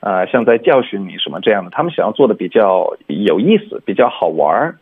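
Man, English teacher, radio lesson, relaxed explaining, husky, lowish voice, narrow phone-line sound. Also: brisk. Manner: relaxed, explanatory, mixes English words into speech.

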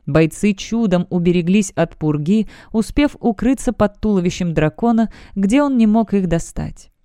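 A woman narrating a fantasy novel as an audiobook in an even storytelling delivery. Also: mid-range voice, moderate pace, clean tone, no echo, studio quality. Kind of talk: scripted narration.

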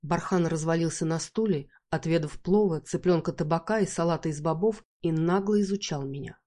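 A woman narrating a first-person story in a wry, measured way. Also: sits low, mellow.

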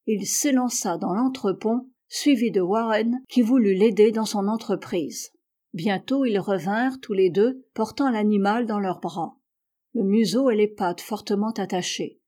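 A woman reading a classic adventure novel aloud, lifting her voice for the sailors' angry lines. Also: measured pace. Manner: voices sailors' quotes louder and higher. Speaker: audiobook reader. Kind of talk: read-aloud novel narration.

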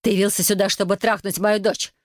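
A reader voicing an enraged mother who hurls shrill accusations, read as an audiobook character. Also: little pitch movement, fairly quick, no echo, clean studio sound, natural voice. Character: enraged mother confronting a predator.

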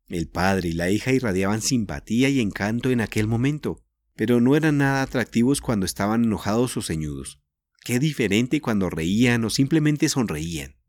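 Low-voiced man reading an audiobook. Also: no room sound. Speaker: audiobook narrator. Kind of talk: scripted audiobook narration. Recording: dry close studio voice.

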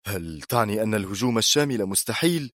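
A man's voice: mid-range voice, lively intonation, fairly quick, no room sound, studio quality, voice pushed up, natural voice. A male narrator voicing a nervous, irritable government minister who speaks tensely and hesitantly in an audiobook. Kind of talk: audiobook character voice.

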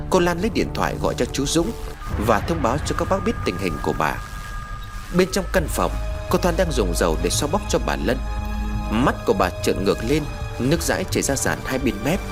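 A man narrating a ghost story from a script in an expressive, dramatic way. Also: mid-range voice, brisk. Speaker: audiobook narrator. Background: background music.

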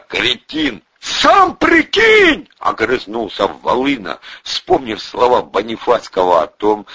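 A man reading an audiobook in a steady, expressive storytelling voice. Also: fairly low pitch, slightly rough, dry recording. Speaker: audiobook narrator. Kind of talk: scripted audiobook narration. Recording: dull lo-fi audiobook recording.

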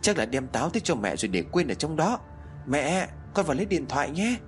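A man voicing a caring adult son who gently reassures his frightened mother. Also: fairly high pitch, sing-song, fast talker, faint music behind, pitched above the performer's own voice. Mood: reassuring.

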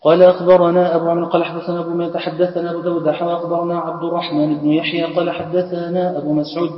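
Man rattling off hadith text really fast, monotone, far off in a big echoey hall, muffled. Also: fairly high pitch. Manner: flat, hurried reading of narrator chains. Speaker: student reading the text aloud. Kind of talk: rapid recitation of classical hadith text. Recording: distant, echoey hall, dull lo-fi sound.

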